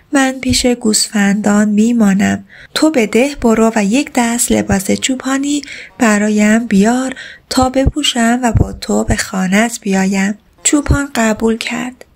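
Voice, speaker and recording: A woman's voice: a little high, creaky. A woman reading a folk tale aloud as scripted narration, voicing the characters' lines within the telling. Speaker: storyteller. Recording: narration with background music.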